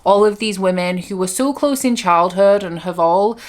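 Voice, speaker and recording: A woman's voice: mid-range voice, moderate pace. A woman from Greater Manchester, chatting enthusiastically in a book review vlog with frequent fillers. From Greater Manchester, England. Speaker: book vlogger. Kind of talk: casual book review monologue.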